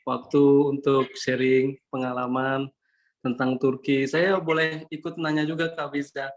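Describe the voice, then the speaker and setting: Guy, middle pitch, asking stuff politely, kinda hesitant and roundabout. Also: level tone, unhurried. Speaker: company founder asking questions. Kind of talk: polite casual question-and-answer chat.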